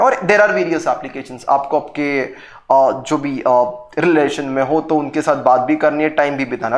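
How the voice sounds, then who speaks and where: Man, echoey room. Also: a little high. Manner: casual, mixes Hindi with English phrases. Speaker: CA exam professor. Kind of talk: motivational talk to students.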